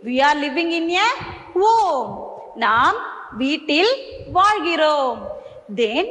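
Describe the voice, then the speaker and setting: A woman teacher with a Tamil accent, giving a slow bilingual lesson to young children and repeating each line in two languages. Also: sits high, sing-song, a bit bright, long reverb tail. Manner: slow, sing-song questions, repeats each line in English then Tamil.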